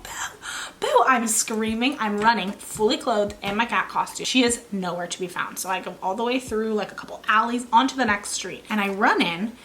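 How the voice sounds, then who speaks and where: A young woman tells a personal story to her vlog audience. She is chatty and animated and pokes fun at herself. Her voice sits at a middle pitch. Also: poor audio. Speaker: YouTube vlogger.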